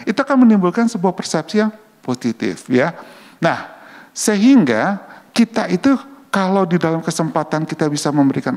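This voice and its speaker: A man giving a conversational church talk on public relations, often checking in with his listeners with quick rhetorical questions. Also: on the high side, creaky, a little mellow. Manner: chatty, keeps asking "ya kan?" to the audience. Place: church hall. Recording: long hall reverb.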